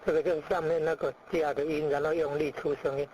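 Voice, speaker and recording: A man's voice: a little high, level tone, fast, a little mellow, slight background noise, low-quality recording. A man teaching pronunciation. He explains each sound by comparing it to everyday words and repeats it several times. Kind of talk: pronunciation lesson.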